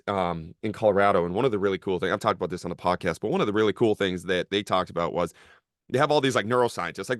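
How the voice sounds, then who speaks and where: Low-voiced man rambling casually on a podcast. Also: no room sound, studio quality. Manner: rambling, filler-heavy, profane, gets animated. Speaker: podcast host, former college strength coach.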